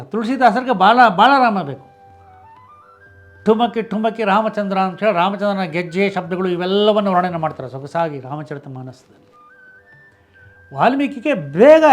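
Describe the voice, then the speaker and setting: A man giving a devotional storytelling discourse, conversational and animated, often breaking off and restarting words. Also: sits high. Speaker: religious discourse speaker.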